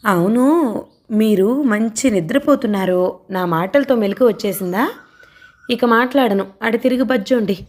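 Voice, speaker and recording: Brief: coy, teasing young wife in an audio novel, voice lifted a little higher than the narration, read by a woman. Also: a little slow, darkish tone. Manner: coy, teasing, sing-song.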